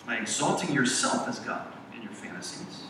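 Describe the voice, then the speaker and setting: A man's voice: medium pitch, lively intonation. Male pastor preaching in an echoey hall. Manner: emphatic, measured preaching with dramatic pauses. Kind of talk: sermon. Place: large echoing church sanctuary. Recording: echoey hall, distant mic, background noise.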